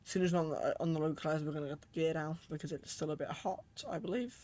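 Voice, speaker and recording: A man's voice: fairly high pitch, steady tone, fast, darkish tone. A man chatting casually on a livestream as a virtual pilot, murmuring asides to himself and reading back radio calls. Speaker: flight sim streamer, virtual pilot.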